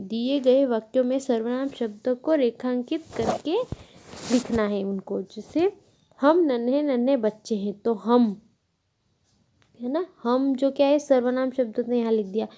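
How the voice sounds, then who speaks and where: Woman teacher, patient step-by-step lesson voice, mellow tone, unhurried delivery. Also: fairly high pitch. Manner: slow, patient, explains step by step, self-corrects. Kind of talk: Hindi grammar lesson.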